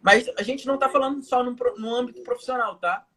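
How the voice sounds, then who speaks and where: A young man with a Manaus Brazilian Portuguese accent speaks in a very high, fast, slightly bright voice. He is a hypnotherapist guest on a casual live video call, explaining his point through everyday stories.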